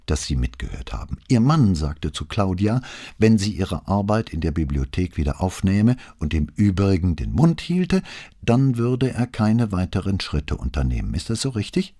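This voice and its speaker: A man voicing a calm, patient male police commissioner who questions in a measured, probing way. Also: low-pitched, slightly rough, no room sound, clean studio sound, voice pushed up, heavily acted.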